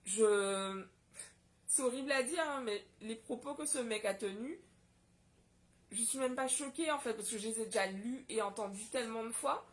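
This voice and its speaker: A woman's voice: on the high side, moderate pace. A woman from Guadeloupe talking straight to her audience in a casual solo vlog, impassioned and indignant. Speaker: vlogger.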